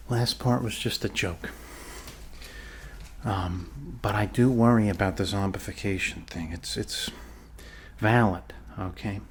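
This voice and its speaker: This ASMR roleplay features a man as a friendly, rambling doctor tending a zombie bite, offering improvised soft reassurance full of hesitation and joking asides. His voice sits on the low side with fairly even intonation, and he talks a little slowly. A little hiss or hum is audible.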